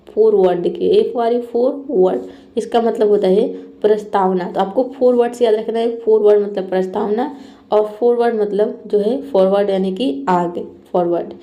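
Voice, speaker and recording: A woman's voice: mid-range voice, dark tone. A woman teaching a vocabulary lesson, spelling words out letter by letter and checking in often with "okay". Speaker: English teacher.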